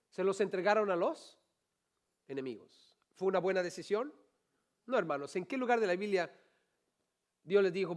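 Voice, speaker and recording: A pastor delivering a lively sermon, his voice sitting a little high for a man. He keeps turning to the congregation with rhetorical questions and mixes in playful, joking asides.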